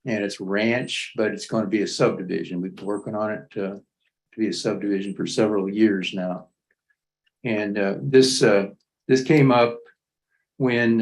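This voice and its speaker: A man making a public comment at a county meeting, halting and repeating words as he builds his point. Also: on the low side, a little mellow, rough recording.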